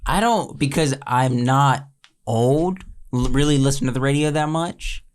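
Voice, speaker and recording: A man's voice: mid-range voice, unhurried, clear, resonant tone. A man co-hosting a casual podcast, laid-back and offhand. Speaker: podcast co-host.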